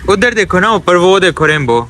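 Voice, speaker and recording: A man's voice: sits high, animated, normal speed, rough recording. A man casually vlogging outdoors on a rooftop in rain and wind, chatting playfully and calling his viewers guys. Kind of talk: casual vlog talk to viewers. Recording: loud wind and rain noise on a phone mic.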